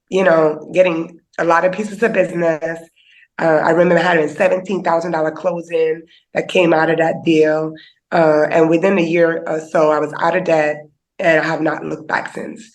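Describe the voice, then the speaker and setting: A woman's voice: low-pitched, poor audio. A woman speaking as a podcast guest, telling a personal story in a candid, conversational way, a little teary and emotional. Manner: candid and conversational, heavy on fillers like "you know".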